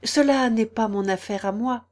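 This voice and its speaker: A woman's voice: a little high, moderate pace, darkish tone, close to an everyday voice. A woman voicing a bold young girl in an audiobook, speaking firmly and decidedly. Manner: firm and decided. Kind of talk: audiobook character reading.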